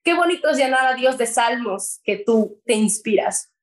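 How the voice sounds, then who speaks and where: A Mexican woman with a slightly high voice tells her faith story earnestly. She speaks with feeling and stumbles over her words now and then as a guest recounting her life. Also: animated, moderate pace, low-quality recording. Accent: Mexican Spanish. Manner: earnest and emotional, with hesitations. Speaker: guest sharing her testimony. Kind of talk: personal faith testimony.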